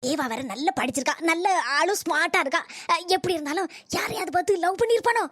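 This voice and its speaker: A woman's voice: very high-pitched, animated, fairly bright tone, no echo, studio quality. A woman voicing a worried, tearful village mother in a cartoon, with a Kanyakumari Tamil accent. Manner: fretful, fast, dialect-heavy.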